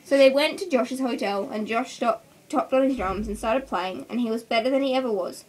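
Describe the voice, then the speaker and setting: A young woman's slightly high, darkish voice moves briskly as she reads a school story aloud to friends. She's informal and giggly, interrupting herself to banter, and the home recording is clearly noisy.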